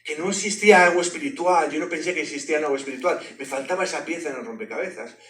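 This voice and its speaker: Racing along in a slightly high voice, a man turns his testimony into a sermon. He's a lively, joking storyteller who uses sound effects, and the mic sits at a distance in an echoey hall.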